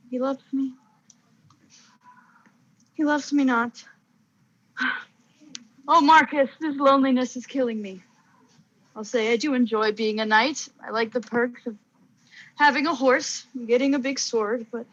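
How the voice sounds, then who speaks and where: A woman playing a lonely, lovesick knight who sighs and speaks softly and wistfully. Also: fairly high pitch. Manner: sighing, wistful and soft. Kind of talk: improvised comedy acting. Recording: dull recording, from off the mic.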